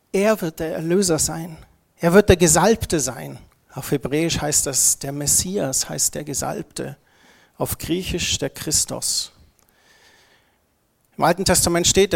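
A man, a pastor preaching a casual, lively sermon in a free church service, reading scripture and mixing in slang. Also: a little high.

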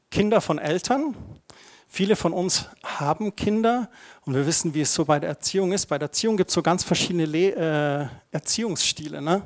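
Conversational German pastor, higher-pitched man. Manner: conversational, asides with tag questions. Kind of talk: sermon.

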